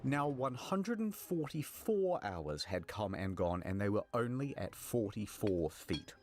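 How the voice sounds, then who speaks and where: A man's voice: on the low side, sing-song, measured pace, darkish tone, a little hiss or hum. A man narrating a scripted documentary story in a wry storytelling manner.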